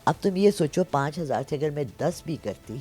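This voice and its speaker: A Pakistani palm reader in her sixties tells stories in a casual interview, animated and often checking in with her listener by asking "theek hai?" Her voice is low-pitched with a breathy edge, and faint music plays in the background.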